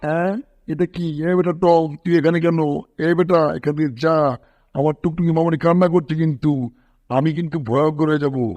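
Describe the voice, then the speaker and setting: A man's voice: on the high side, fairly even intonation, a little fast, a little mellow, no room sound, close to an everyday voice. A man voicing a bossy male bulldog in a cartoon dub, who scolds the cat and coos over a baby. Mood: scolding. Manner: scolding, then cooing baby talk.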